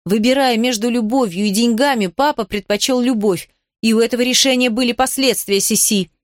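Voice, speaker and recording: A woman's voice: on the high side, brisk, dry recording, studio quality, natural voice. A woman voicing a stern, anxious elder sister who speaks sharply and with exasperation. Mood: exasperated stern.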